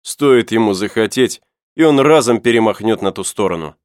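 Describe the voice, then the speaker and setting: A man reading the lines of a gruff, skeptical sailor in a storybook, raised and emphatic. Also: on the low side, expressive, moderate pace, no room sound, studio quality, lightly acted. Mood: scoffing.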